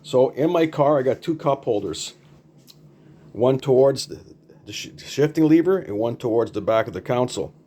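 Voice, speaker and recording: In a warm, medium-pitched voice with lively intonation and a moderate pace, an older man does an unscripted show-and-tell. His hands-on demonstration is rambling, repetitive and plain-spoken, the way a hobbyist presents a homemade project.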